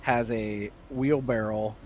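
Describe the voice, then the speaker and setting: A man acting as game master, improvising narration for a tabletop game and often pausing mid-phrase. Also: on the low side, fairly even intonation, a little hiss or hum.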